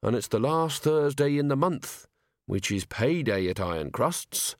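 A man's voice: mid-range voice, lively intonation, unhurried, no echo, clean studio sound. A man voicing a courteous, earnest young watchman who speaks politely.

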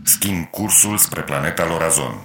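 Deep slow spaceship computer. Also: female voice. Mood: monotone. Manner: flat, slow, mechanical replies. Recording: echoey, hissy cartoon audio.

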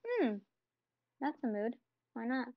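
A woman's voice: fairly high pitch, sing-song, slow pace, dry recording, lo-fi sound. A woman co-hosting a podcast from home, chatting easily with short agreeing replies over an online voice call. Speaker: podcast co-host. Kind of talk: casual podcast chat.

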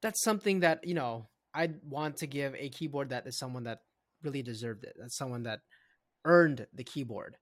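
A man's voice: medium pitch, moderate pace. Chatty young man co-hosting a podcast. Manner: rambling, animated, frequent restarts. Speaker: podcast co-host. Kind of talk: casual chat.

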